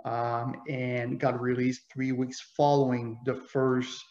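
French Canadian man, halting and level in tone, heard over an echoey lo-fi remote line. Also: mid-range voice, little pitch movement, a little mellow. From Quebec, Canada. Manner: hesitant, many fillers. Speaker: guest. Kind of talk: casual interview. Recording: roomy, dull lo-fi remote audio.

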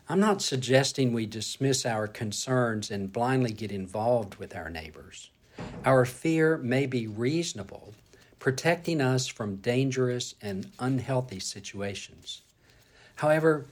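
A man preaching to his congregation, his pitch sitting in the ordinary middle range. He reads scripture and then moves into a personal anecdote, carrying both with an unhurried, measured storytelling cadence. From grew up in a city. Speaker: pastor. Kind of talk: sermon.

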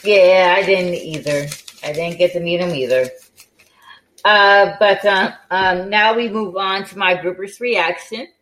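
A woman's voice: lowish voice, unhurried, a bit bright, slight background noise, rough recording. A woman hosting a podcast in casual chat, tired and yawning, with many fillers and restarts. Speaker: podcast host.

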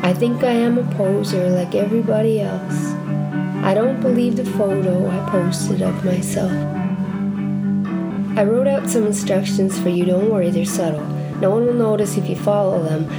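Woman reciting spoken word over loud guitar. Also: mid-range voice, low-quality recording. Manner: slow, deliberate, intimate, addresses the listener with many questions. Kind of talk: reflective spoken-word monologue. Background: loud guitar music.

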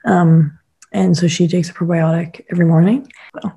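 A young woman co-hosting a podcast in casual chat, easygoing and quick with "mm-hmm" replies. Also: lowish voice, steady tone, vocal fry, dark tone, slightly rough. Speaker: podcast co-host.

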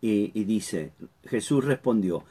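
Slow halting male Bible teacher. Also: lowish voice, lively intonation, mellow. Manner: halting, repeats words, checks in with "¿sí?". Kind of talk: Bible study lesson.

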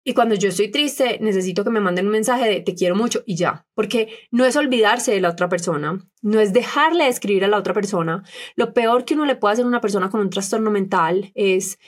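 A woman's voice: medium pitch, fairly quick. Young woman, podcast co-host, earnest and open, slips into quoted voices. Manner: earnest, animated quoting of others. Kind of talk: candid personal talk.

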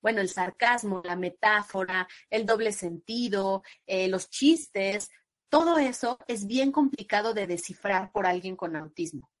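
A woman with a Mexican accent, a psychologist guest on an interview podcast, explaining at length in a conversational way and bringing in quoted voices with lively pitch jumps. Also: a little slow.

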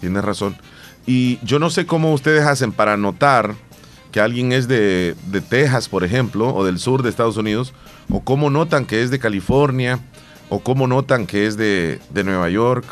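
A man's voice: mid-range voice, normal speed, faint music behind. A man from El Salvador, co-hosting a casual chat show, rambling and repeating his words. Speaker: podcast co-host. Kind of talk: casual radio-style chat.

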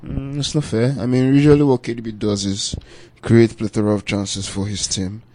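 A man's voice: on the low side, little pitch movement, normal speed, warm tone, a little hiss or hum. A man hosting a casual sports podcast, emphatic and given to repeating words. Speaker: podcast host leading the discussion.

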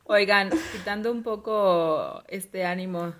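A woman's voice: medium pitch, slow pace, background noise. A woman from Mexico with a Mexican accent, co-hosting a casual podcast chat in a playful way and laughing often. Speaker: podcast co-host.

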